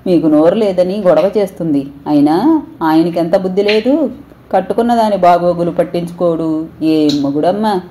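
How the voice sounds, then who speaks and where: A woman's voice: fairly low pitch, moderate pace, dark tone, lightly acted. A woman voicing an outspoken, indignant old milkman.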